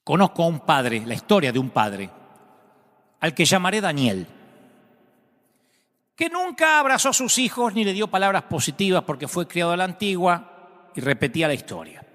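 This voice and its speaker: A man preaching a sermon, telling a story dramatically and rising loudly at its peaks. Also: high voice, big pitch swings, moderate pace, pauses often. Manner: dramatic, swells loudly when quoting the son. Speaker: pastor. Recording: long hall reverb.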